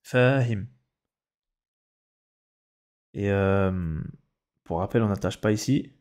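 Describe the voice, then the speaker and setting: A man's voice: fairly low pitch, takes it slowly, darkish tone. A male Arabic teacher giving a dictation lesson, patiently repeating each word and breaking it into syllables. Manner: patient, instructive.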